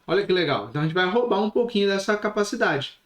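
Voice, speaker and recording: A man teaching a recorded online lesson, lively, shifting his pace and volume on purpose and often asking the listeners questions. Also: high-pitched, quick pace, reverberant. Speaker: instructor.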